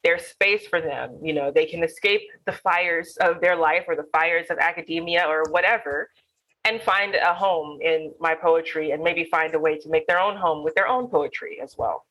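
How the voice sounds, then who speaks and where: A woman's voice: low voice, moderate pace, fairly bright tone, poor audio. A woman from Alabama, a poet, answering interview questions in an earnest, reflective way with frequent ums. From Alabama, USA. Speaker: guest poet.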